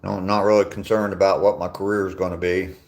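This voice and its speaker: Gravelly and low, with little pitch movement, this man in his sixties talks fast. He's strolling outdoors with his phone, live-streaming as he reads out comments from viewers and responds in an easygoing, dryly funny manner.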